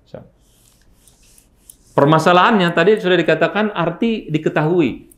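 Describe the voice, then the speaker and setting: A man's voice: high voice, moderate pace, fairly bright tone, roomy sound. A man giving a religious study lecture, often asking his listeners questions and answering them himself. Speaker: Islamic teacher. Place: mosque office study hall.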